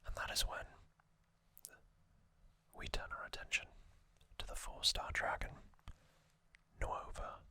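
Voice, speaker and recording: A male ASMR host recaps a story in a breathy, unvoiced whisper, his delivery gentle and halting.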